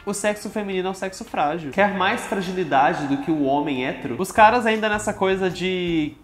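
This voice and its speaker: A man's voice: high-pitched, a little fast, soft background music. Sarcastic man venting on camera. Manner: sarcastic and exasperated. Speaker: YouTuber. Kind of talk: opinionated commentary vlog.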